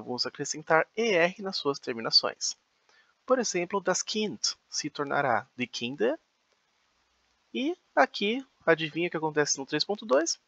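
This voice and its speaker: A man's voice: a little high, creaky, pushed and bright, dry recording, dull audio. A man teaching a beginner German lesson, explaining patiently with frequent "então" and "né".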